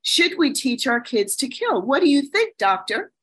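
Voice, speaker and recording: A woman's voice: high voice, very animated, moderate pace, fairly bright tone, husky, rough recording. A woman playwright, a guest in a casual discussion, who asks pointed, provocative questions.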